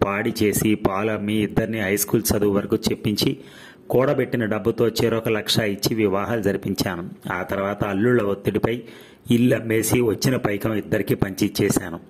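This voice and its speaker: A man's voice: lowish voice, steady tone, a little fast, husky. A man voicing a poor, worn-out widowed woman who cooks at a mess, speaking humbly. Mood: weary. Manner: pleading, humble.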